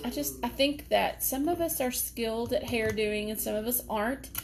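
A woman's voice: a little high, moderate pace, creaky, a little hiss or hum. A middle-aged woman, chatting casually and laughing often while she curls her hair in her home office. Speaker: hair tutorial vlogger. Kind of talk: casual live chat while styling hair.

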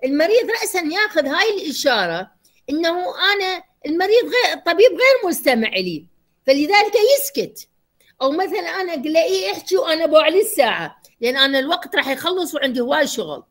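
A woman's voice: sits high, sing-song, fast talker, a bit bright. A woman doctor with an Iraqi Arabic accent giving a university lecture, explaining with acted examples and questions to her students.

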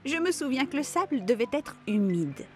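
A woman's voice: high voice, sing-song, normal speed, faint music behind, pitched above the performer's own voice. A woman doing a kindly grandmother rabbit. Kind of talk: storybook cartoon voice.

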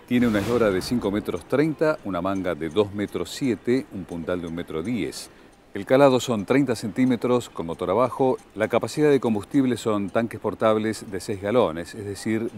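A man, hosting a boating show, interviewing guests and listing boat specs in a measured way. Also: lowish voice, a little mellow, a little hiss or hum. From Argentina. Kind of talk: interview and presenting.

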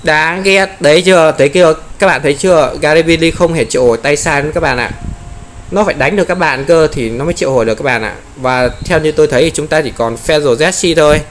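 A man giving excited gameplay commentary, often exclaiming and playfully taunting enemies. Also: a little high, quick pace, a little hiss or hum.

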